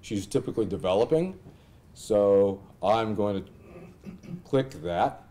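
Man, middle-aged, American accent, low pitch, mellow tone, conversational lecturer thinking aloud. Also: expressive, takes it slowly. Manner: conversational, thinks aloud, asks rhetorical questions. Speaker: instructor presenting clinical simulations. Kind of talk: informal lecture with software demonstration. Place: indoor classroom at a lectern.

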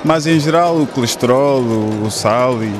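A man's voice: medium pitch, normal speed, music in the background. A young man interviewed with a handheld mic, hesitant and stuttering at the starts of phrases. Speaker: event visitor. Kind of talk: interview answer.

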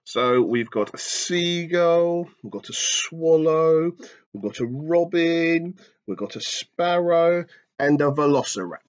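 Taking it slowly, a man in his thirties with a slightly high voice and lively intonation talks back to a silent toy puppet, joking and explaining in a teacherly manner for a kids' activity video. The webcam in front of him in the small brick-walled room cuts off the highs.

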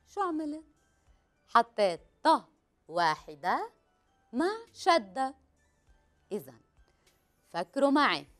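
A woman with a Levantine Arabic accent, a teacher giving a children's language lesson. She stretches words out slowly and keeps quizzing her viewers. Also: fairly high pitch, a bit bright.

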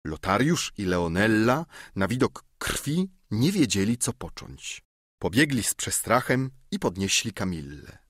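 A male audiobook narrator reading a classic novel in measured, expressive storytelling, recorded in a studio. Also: lowish voice, slightly rough, no room sound.

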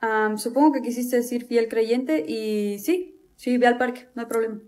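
A woman acting out comedy skits with animated, exasperated scolding. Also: fairly high pitch, moderate pace. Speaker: comedy sketch creator.

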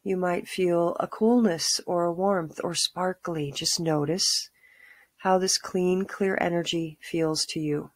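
A middle-aged woman leading a calm guided grounding exercise, giving soothing, unhurried instructions with pauses. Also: fairly low pitch, no echo. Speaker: meditation guide. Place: small room at home, indoors.

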